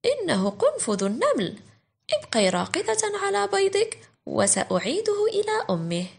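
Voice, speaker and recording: A woman voicing a helpful, reassuring male woodpecker in a children's storybook, expressive and instructive. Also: extremely high pitch, normal speed, vocal fry, exaggerated voice. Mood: amused.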